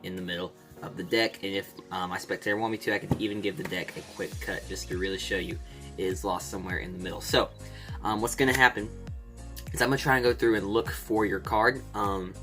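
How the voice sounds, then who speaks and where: Bright-voiced, low-pitched man teaching casually. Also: steady tone, quick pace, faint music behind. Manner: informal, addresses viewers as guys. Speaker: amateur magician giving a card trick tutorial. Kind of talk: casual step-by-step tutorial.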